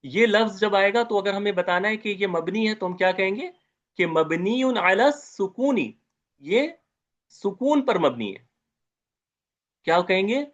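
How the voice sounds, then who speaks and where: A man with a fairly high voice teaches Arabic grammar in an online lecture. He drills each term over and over and keeps checking in with his students. The recording is dull and lo-fi. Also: lively intonation, normal speed. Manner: repetitive, drilling Arabic terms with questions to students.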